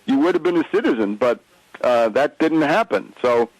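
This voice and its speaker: A man hosting a radio interview, speaking in a measured way with fillers. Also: medium pitch, animated, no echo, rough recording. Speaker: radio host.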